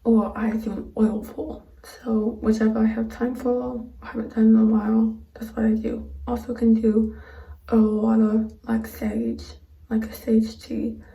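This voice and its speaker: A woman talking casually to camera in a vlog, explaining things in a halting way with pauses mid-sentence. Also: a little high, mellow. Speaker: vlogger. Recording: roomy echo, distant microphone.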